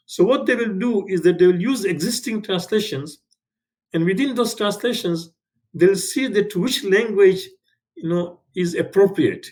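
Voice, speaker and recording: A Tanzanian instructor, not a native English speaker, teaches an online class from his home in Canada. His voice is high-pitched and a little mellow, and his lecture is conversational, with frequent "right?" check-ins and self-corrections.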